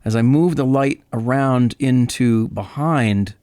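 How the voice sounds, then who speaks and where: A man's voice: mid-range voice, slow, dark tone, smooth, no room sound, studio quality. A man hosting a vinyl video, explaining in a chatty, upbeat way with frequent fillers and self-corrections. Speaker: vinyl channel host. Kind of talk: casual how-to explanation.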